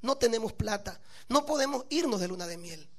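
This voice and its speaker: A male pastor voicing a worried, thrifty young wife in a sermon story, pleading and hurried. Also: sits high, lively intonation.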